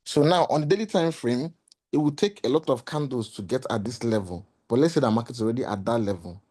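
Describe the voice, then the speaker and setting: Hoarse-voiced man teaching trading. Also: mid-range voice, brisk, warm tone. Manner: explanatory, repetitive, asks rhetorical questions. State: slightly hoarse. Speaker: trading mentor. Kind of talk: screen-share trading lesson.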